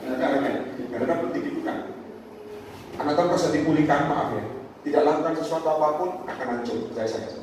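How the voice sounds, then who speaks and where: A male evangelist preaching a sermon, animated, swinging from loud calls to quiet asides and joking with the congregation. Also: quick pace, slight background noise. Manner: animated, shifts from loud exhortation to low asides, jokes with the congregation. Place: large hall with audience. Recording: echoey hall from far off.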